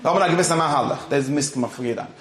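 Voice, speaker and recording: A man's voice: a little high, racing, echoey room. A man giving an informal religious lecture, moving between Yiddish and English and often checking that his listeners follow. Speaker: religious teacher.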